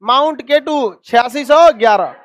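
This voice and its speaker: A man teaching a classroom map lesson, scolding students and drilling them with quick repeated questions. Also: very high-pitched, a bit bright, dry recording. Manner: scolding, calls students donkeys.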